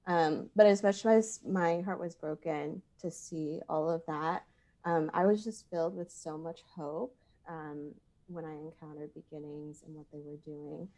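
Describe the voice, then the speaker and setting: A woman in her thirties who grew up in Thailand, a podcast guest speaking earnestly with many pauses. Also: low voice, steady tone, mellow. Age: 30s. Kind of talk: podcast interview.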